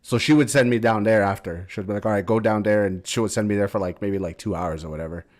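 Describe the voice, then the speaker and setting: A man's voice: fairly low pitch, quick pace. A man in casual podcast chat, laid-back and slangy, chiming in with short agreements and his own stories. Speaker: podcast co-host.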